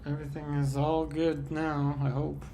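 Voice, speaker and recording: A man with a higher-than-average voice hosts a live painting stream at a moderate pace, relaxed and chatty as he answers viewer comments while working. A sinus infection leaves him congested and slightly nasal. The audio is poor, with a little hiss or hum.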